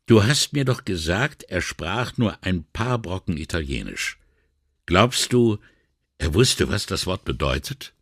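A man's voice: sits low, big pitch swings, a little slow, a bit bright, husky, no echo, studio quality, heavily acted. A man voicing a weary, indignant middle-aged male police inspector in an audiobook, sighing and exasperated. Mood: doubtful. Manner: sighing, exasperated and morally upset. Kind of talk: audiobook character reading.

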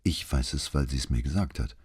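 A male reader voicing a quiet, grieving young female student who answers softly and hesitantly. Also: extremely low pitch, normal speed, breathy edge, exaggerated voice. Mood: subdued. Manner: soft, barely audible, hesitant.

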